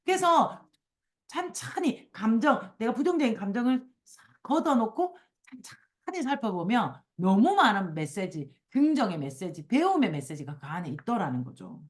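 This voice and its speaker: A woman's voice: on the high side, normal speed. A woman hosting a casual book discussion, reading passages aloud and acting out quoted complaints. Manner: animated, acts out quoted complaints in a raised voice. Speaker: book club host.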